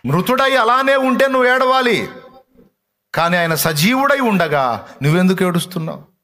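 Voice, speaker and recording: A man preaching a sermon in a colloquial storytelling style, swinging between vivid, raised retelling and soft, hushed passages. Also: high voice, animated, moderate pace, a little hiss or hum.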